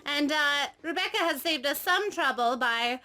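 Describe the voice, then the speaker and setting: A woman's voice: sits high, animated, normal speed, loud music behind the voice. A woman voicing a theatrical, giddy female dinosaur co-host in a put-on Mid-Atlantic drawl that slips toward Cockney. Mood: chatty. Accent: put-on Mid-Atlantic, slipping toward Cockney. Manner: affected, plummy drawl. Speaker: guest co-host.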